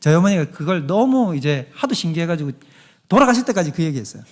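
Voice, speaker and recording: A man's voice: fairly high pitch, quick pace. A middle-aged male pastor preaching a sermon, telling stories and acting out the voices in them. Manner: animated storytelling preacher, acts out voices in quotes.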